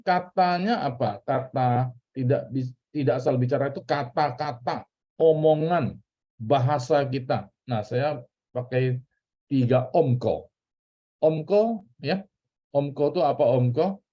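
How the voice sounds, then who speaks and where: A man with a fairly high, warm voice and an Indonesian accent takes his time teaching a church Bible class. The tone is relaxed and chatty, full of questions and repeated key words, and the recording is dull and lo-fi.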